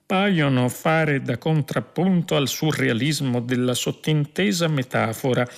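A man voicing a pompous, cruel alien male commander who speaks slowly and savours each word. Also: mid-range voice, gravelly. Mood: gloating. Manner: slow, relishing, drawn-out delivery.

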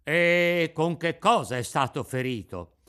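A man's voice: fairly high pitch, expressive, takes it slowly, a bit bright, clean tone, pitched above the performer's own voice. A man voicing stern military policemen who give curt, commanding orders in a dramatic radio reading.

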